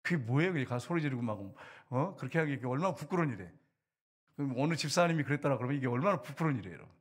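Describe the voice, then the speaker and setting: A middle-aged man, a pastor, preaching an animated sermon with sudden loud bursts and hushed asides. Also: mid-range voice, racing, husky.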